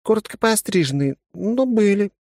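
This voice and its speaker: A man's voice: high voice, animated, normal speed, a little mellow, no echo, voice pushed up. A man reading an audiobook, voicing a blunt, matter-of-fact warrior woman who has become a wife, in a raised voice. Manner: brusque, teasing, matter-of-fact. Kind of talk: audiobook character voice.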